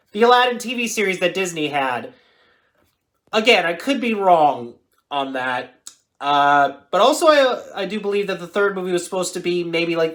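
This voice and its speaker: A woman's voice: mid-range voice, fairly bright tone. A woman hosting a reaction video with casual, chatty, tentative commentary that often corrects itself.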